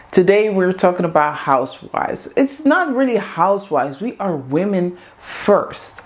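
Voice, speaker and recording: A woman with a lowish voice and darkish tone gives an earnest motivational talk to camera. She hosts a women's group, speaks English though Dutch is her first language, and keeps repeating coaching lines.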